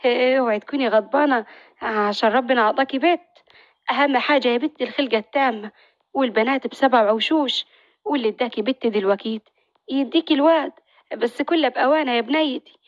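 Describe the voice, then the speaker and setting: A woman's voice: a little high, fast, dry recording, highs cut off, lightly acted. A woman voicing a kindly older village midwife, speaking in a motherly, consoling way.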